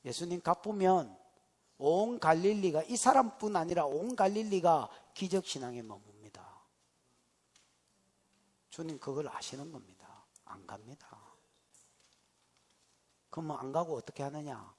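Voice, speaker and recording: Pastor preaching, high voice, goes from yelling to whispering, long church echo. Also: male voice, lively intonation, a little slow, long pauses. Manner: dramatic, swings from shouting to hushed whispers. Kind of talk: expository sermon. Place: church sanctuary. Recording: reverberant church hall.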